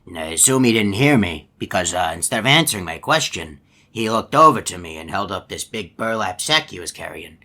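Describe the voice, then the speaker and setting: An actor playing a folksy, long-winded, gullible hippo animatronic in a video game, telling stories in a polite, meandering way. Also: male voice, low voice, big pitch swings, fairly quick, bright, forceful tone, heavily acted. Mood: genial, reminiscing. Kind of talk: video game character monologue.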